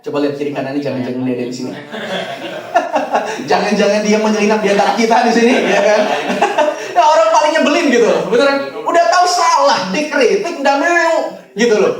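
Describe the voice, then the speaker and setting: High, lively Jakarta preacher in a booming hall. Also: male voice, brisk, recorded from a distance. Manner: joking, animated, acts out quoted people. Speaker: youth pastor. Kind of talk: casual youth sermon. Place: large church hall during a live service. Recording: very echoey hall, voice away from the mic.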